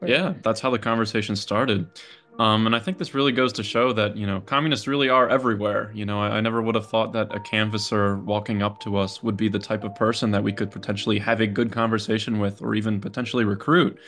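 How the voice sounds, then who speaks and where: A man's voice: fairly low pitch, steady tone, quick pace, fairly bright tone, soft background music. A man earnestly recounting a conversation on a podcast. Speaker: party member sharing an anecdote. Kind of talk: casual podcast storytelling.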